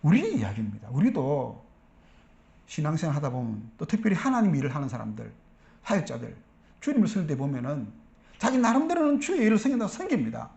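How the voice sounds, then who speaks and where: A man's voice: on the high side, gravelly, roomy sound. A middle-aged man, a pastor preaching a sermon who acts out quoted church members.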